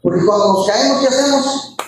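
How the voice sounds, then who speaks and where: A man's voice: sits high, brisk. A man preaching a Sunday sermon, fervent and repeating his phrases, calling his listeners brothers. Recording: very echoey hall, faint background noise.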